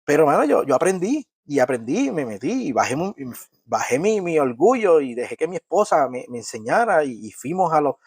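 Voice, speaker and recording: A man's voice: on the high side, sing-song, brisk, husky, dry recording. A middle-aged man giving a conversational church talk on family life, earnest, often restarting words and checking in with his listeners. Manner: earnest, repeats and restarts words, asks "¿ves?".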